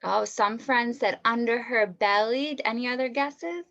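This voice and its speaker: Slow, encouraging woman teacher reading aloud. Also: on the high side, gravelly, a bit bright, lo-fi sound. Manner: encouraging, asks children questions and praises answers. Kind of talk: online read-aloud lesson for young children.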